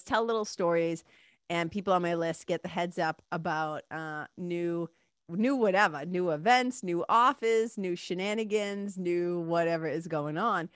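With a nasal, congested sound, a podcast host chats alone on her show, playful, relaxed and a bit sweary. She speaks at a measured pace in a fairly low, fairly bright, clean voice, recorded in studio quality with no echo.

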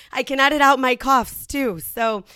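A middle-aged woman hosting a personal faith podcast, raspy and hoarse from laryngitis, talking candidly and conversationally. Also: high-pitched, slow pace, bright, forceful tone, no room sound, studio quality. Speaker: podcast host.

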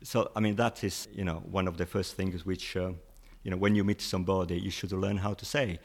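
A man's voice: low-pitched, fairly even intonation, brisk, gravelly. A man who learned English as a second language, patiently explaining with examples in casual interview chat. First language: not English.

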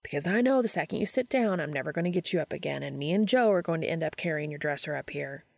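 A woman's voice: sits low, animated, fast talker, gravelly, darkish tone, no echo, full character voice. A woman reading aloud and voicing a sensible, insistent nineteen-year-old man in near her own voice. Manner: practical, insistent. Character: sensible young man, nineteen, bossy brother.

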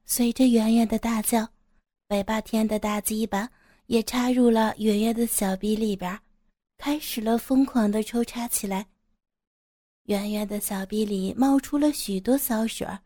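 Slow-reading woman narrator. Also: fairly high pitch, dark tone, no echo, clean studio sound. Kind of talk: storytelling narration.

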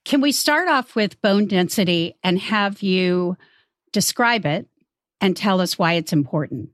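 A woman hosting a podcast, encouraging her guest and asking short, clear questions. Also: medium pitch, animated, unhurried, dry recording, studio quality. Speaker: podcast host. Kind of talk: interview questions.

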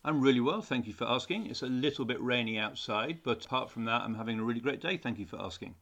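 A middle-aged English design teacher, a guest on a podcast, answers interview questions earnestly and often repeats words as he restarts. His mid-range voice is expressive, quick and a bit bright, though the recording is muffled.

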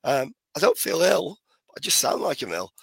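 A man co-hosts a podcast in casual conversation. His voice is croaky and creaky from a recent cold and recorded fairly dry. He speaks haltingly, repeating words as he finds his phrasing. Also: a little high, wildly swooping pitch, fairly bright tone, no room sound. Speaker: podcast co-host and SEO content marketer.

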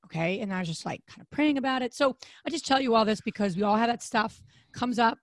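A woman co-hosting a podcast in a casual chat, her voice raspy and hoarse, with a chatty manner full of restarts. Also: animated, fast, dry recording. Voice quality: raspy, deep voice. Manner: chatty, frequent restarts and fillers. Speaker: podcast co-host.

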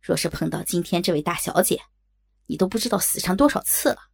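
Woman doing a low husky bandit big brother, cautious and scolding, kinda tired. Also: brisk. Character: cautious weary older male bandit brother.

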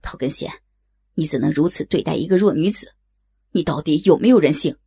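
A woman's voice: low-pitched, expressive, normal speed, gravelly, a little mellow, slightly rough, voice pushed down, heavily acted. A woman voicing a righteous young male swordsman who speaks with indignant reproach, in an audiobook story.

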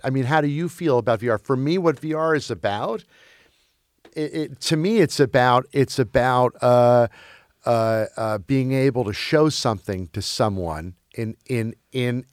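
Man talking in halting restarts. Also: mid-range voice, clean tone, no room sound, studio quality. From Belgium. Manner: halting, many restarts and fillers. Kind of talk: casual conversation about film and streaming.

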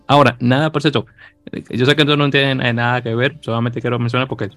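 A man's voice: medium pitch, little pitch movement, fast talker, a bit bright, faint music behind. A man hosting a sports podcast in casual chat, rambling with many hesitations and restarts. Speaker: podcast host.

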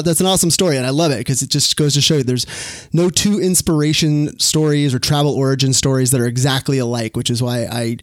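A man hosting a podcast interview, asking questions and affirming his guest in an earnest, measured way. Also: mid-range voice, no room sound, clean studio sound. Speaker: podcast host.

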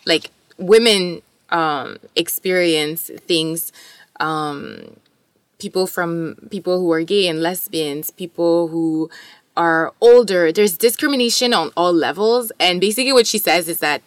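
A woman's voice: lowish voice, measured pace, dry recording. A woman whose first language is French, co-hosting a casual, enthusiastic discussion of articles and poetry.

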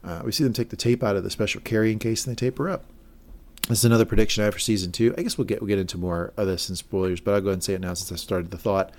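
A man's voice: lowish voice, steady tone, rapid-fire, darkish tone. A man co-hosting a podcast, recapping a TV episode in a rambling, self-correcting way and speculating about what comes next. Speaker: podcast co-host.

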